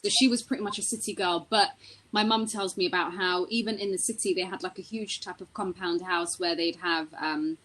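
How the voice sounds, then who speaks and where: A woman on a panel telling a family story in a relaxed, chatty way, with repeated fillers. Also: lowish voice, a little fast, rough recording. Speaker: panel guest. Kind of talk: casual panel conversation.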